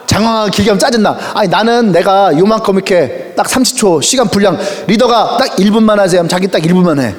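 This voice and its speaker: A male pastor preaching a sermon with a playful storytelling manner, acting out little quoted voices and laughing often. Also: high-pitched. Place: large auditorium. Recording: long hall reverb.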